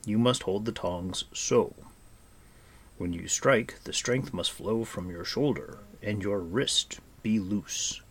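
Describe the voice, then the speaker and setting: A man voicing a stout, bald old blacksmith who speaks gruffly but kindly in a low, half-whispered voice. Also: takes it slowly, exaggerated voice. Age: older.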